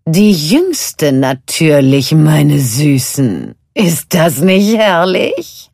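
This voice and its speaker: A woman voicing a sly, gloating female sea witch who speaks slowly and loudly. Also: deep voice, very animated, gravelly, no echo, clean studio sound, voice pushed up, exaggerated voice. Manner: slow, loud and drawn-out.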